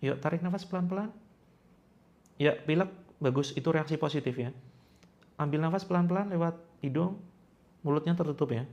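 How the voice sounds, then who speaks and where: A man's voice: on the high side, a little fast, long pauses, darkish tone, highs cut off. A man leading a guided ruqyah healing session, coaxing viewers through repeated chanted prayers.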